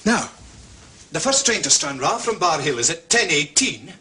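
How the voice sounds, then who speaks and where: In a period detective drama, a male actor with a Scottish accent plays a proud, methodical police inspector from Scotland, his speech courteous and precise. His voice sits on the high side, bright and forceful, moving at a moderate pace with big pitch swings.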